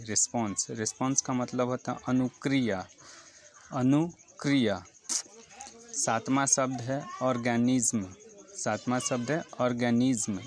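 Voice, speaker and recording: A man teaching vocabulary, spelling each word out letter by letter and repeating it, recorded on a handheld phone in a roadside shop. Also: mid-range voice. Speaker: YouTube teacher. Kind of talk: vocabulary lesson. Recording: noisy roadside with traffic. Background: passing motorbikes and a child shouting.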